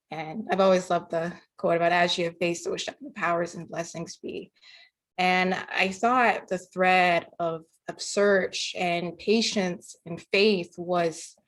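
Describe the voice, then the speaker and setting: A woman guest who writes articles and poetry, answering questions in a chatty way with many fillers, then reading her own poem aloud. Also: lowish voice. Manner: chatty, filler-heavy, laughs easily.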